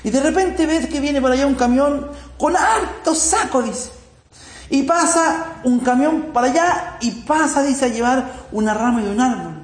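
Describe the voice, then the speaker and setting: Chilean preacher telling folksy stories. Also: male voice, very high-pitched, normal speed. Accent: Chilean Spanish. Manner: folksy, chuckling anecdotes with acted-out voices. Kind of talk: sermon with storytelling. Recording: echoey room, faint ambient noise.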